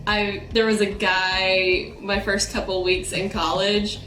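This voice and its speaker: A woman's voice: mid-range voice, level tone, slow pace, pushed and bright. A woman co-hosting with casual comic storytelling, giggly and self-deprecating. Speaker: co-host. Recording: roomy echo with music.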